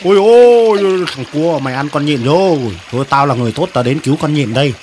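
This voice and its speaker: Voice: medium pitch, animated, fast, darkish tone, slight background noise, pitched below the performer's own voice, lightly acted. A performer voicing a greedy praying mantis that claims to be good-hearted in a comic animal video. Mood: smug.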